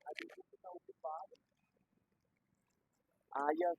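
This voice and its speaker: Here a young Brazilian man talks loosely, using slang and ordinary examples to get his points across in casual conversation. He speaks a little slowly in a high, creaky voice whose pitch swoops wildly, over a noisy background on a dull lo-fi recording.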